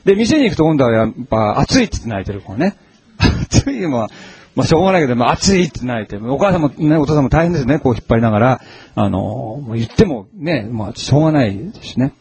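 A man's voice: mid-range voice, fast talker, breathy edge. A male pastor giving a conversational sermon, with many fillers and rising emphasis. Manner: conversational, animated preaching with frequent fillers.

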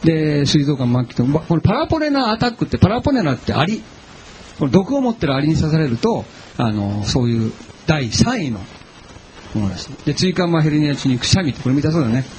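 A man's voice: a little high, big pitch swings, fast talker, darkish tone, a little hiss or hum, rough recording. A man preaching a sermon as a pastor, telling personal stories in a chatty way and asking the audience questions.

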